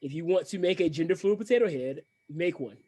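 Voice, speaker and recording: A man's voice: on the high side, fairly quick, warm tone, soft background music. A man co-hosting a podcast in casual chat, opinionated and rambling with restarts. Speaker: podcast co-host.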